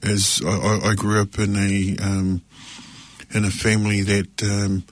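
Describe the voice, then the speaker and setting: A man, sharing personally and reflectively at a meeting, with halting, unscripted phrasing. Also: on the low side, monotone, dry recording. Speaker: speaker sharing at a recovery meeting.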